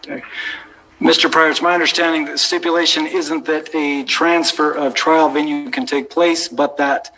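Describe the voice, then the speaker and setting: Male judge, American accent, slightly high voice, formal courtroom ruling, deliberate phrasing, faint background noise. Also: fairly even intonation, sharp tone, low-quality recording. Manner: measured, deliberate, procedural phrasing. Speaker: judge presiding over a court hearing.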